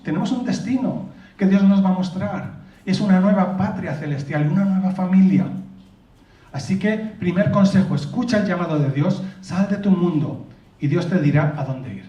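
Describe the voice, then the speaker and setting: Spanish pastor, earnest sermon, mellow mid-high voice, distant mic in a reverberant church hall. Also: male voice. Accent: Peninsular Spanish. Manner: earnest and explanatory, asks the congregation if they follow. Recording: roomy, distant, dull lo-fi church recording.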